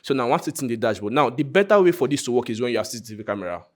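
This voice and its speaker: His mid-range voice is expressive and racing as this Nigerian man presents his hackathon project live. He keeps it casual, joking and talking directly to the people listening.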